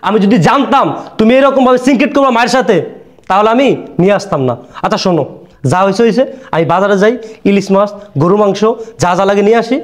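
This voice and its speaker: A fairly high, quick voice of a meek young husband, pleading and placating, as a man acts him out. He sounds eager to make peace.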